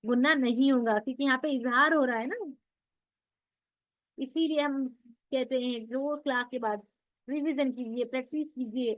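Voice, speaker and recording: A woman's voice: sits high, fairly even intonation, normal speed, long pauses. A woman teaching Quran recitation rules in an online class, who explains patiently and asks and answers her own questions. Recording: dull lo-fi audio.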